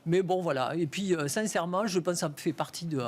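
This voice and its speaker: A middle-aged woman speaks with a lilting southwestern French accent from Toulouse. She answers interview questions about her work, pausing often and restarting as she hunts for the right words. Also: fairly low pitch. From Toulouse, France. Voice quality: sing-song accent. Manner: halting, searching for words. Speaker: bank executive guest.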